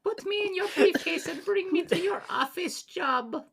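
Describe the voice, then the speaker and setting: A woman voicing a tiny, meek little guy in a squeaky, whiny voice. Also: expressive, moderate pace, gravelly, full character voice.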